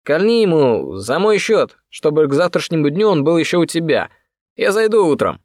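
A cocky young man with a mocking, teasing edge, as a male reader puts him on. He talks higher than the narrator's own voice, in a dry, close recording. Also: very animated, normal speed, a little mellow, dry recording. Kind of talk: audiobook character voice.

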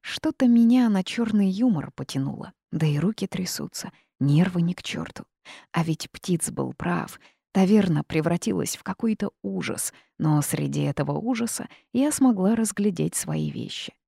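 A woman reading a first-person audiobook, telling the story in a lively way with the heroine's asides. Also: fairly low pitch, normal speed, creaky, husky, dry recording, studio quality. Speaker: audiobook narrator.

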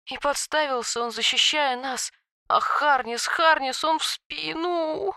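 A woman's voice: mid-range voice, moderate pace, no room sound, studio quality, lightly acted. Woman voicing a weeping dramatic dragoness. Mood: tearful hushed. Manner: sobbing, hushed and theatrical. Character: grieving tearful female dragon, dramatic.

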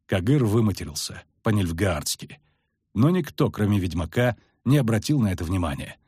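A man narrating a fantasy audiobook with dramatic, expressive delivery. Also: lowish voice, moderate pace, husky, no echo, studio quality.

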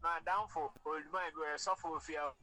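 Ghanaian man, fairly high voice. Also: steady tone, brisk, sharp tone, soft background music, poor audio. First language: Twi. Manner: short backchannel replies, calls the other man uncle. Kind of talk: casual chat.

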